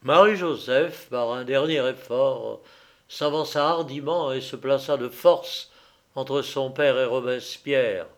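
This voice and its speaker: A man narrating a literary audiobook in a measured manner. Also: mid-range voice. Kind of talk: audiobook reading.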